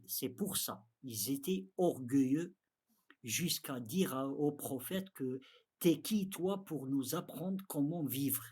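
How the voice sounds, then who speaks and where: A man with an Arabic accent teaches a religious lesson in halting, non-native French. His delivery is slow and his mid-pitched voice has a husky grain. He often repeats phrases as he interprets the lesson for beginners.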